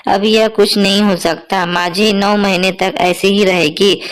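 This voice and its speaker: A woman voicing a dutiful, excitable young daughter-in-law in a cartoon story, chatty and exclaiming. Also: medium pitch, measured pace, natural voice.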